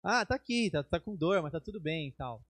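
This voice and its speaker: Husky Brazilian bishop telling a testimony. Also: male voice, a little fast. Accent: Brazilian Portuguese. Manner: animated storytelling, acts out dialogue in raised pitch. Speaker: bishop preaching. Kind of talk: sermon testimony.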